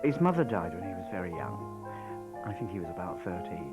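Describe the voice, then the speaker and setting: A man's voice: deep voice, very animated, brisk, loud music behind the voice, rough recording. A man giving thoughtful, slightly hesitant commentary in a documentary interview.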